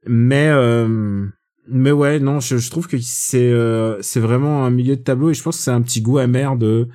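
A man co-hosting a casual film review chat, opinionated and gently teasing. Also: mid-range voice, fairly even intonation, normal speed.

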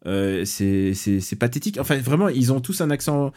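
A man with a middle-pitched voice talks through a film in a loose, casual podcast chat. He gets animated, swears freely and keeps trailing off and starting over as he riffs. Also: normal speed. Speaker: podcast co-host reviewing a film.

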